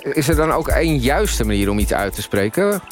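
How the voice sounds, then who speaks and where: A man's voice: medium pitch, big pitch swings, brisk, faint music behind. A man hosting a live radio show from a studio, rambling and self-mocking in casual banter. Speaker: radio host. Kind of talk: joking live radio chat.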